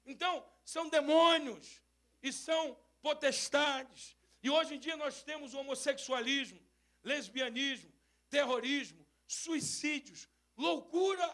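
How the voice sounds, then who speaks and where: A man preaching an animated sermon at a church service, acting out stories and breaking into shouts. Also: very high voice, measured pace. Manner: mixes English phrases into his sermon. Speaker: bishop preaching.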